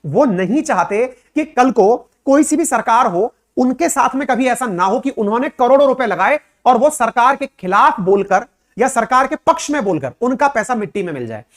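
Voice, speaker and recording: A man's voice: very high voice, lively intonation, normal speed, hardly any pauses. A man who teaches current affairs, explaining to his viewers in a conversational lecturing way, full of rhetorical questions and direct address, with English words mixed in.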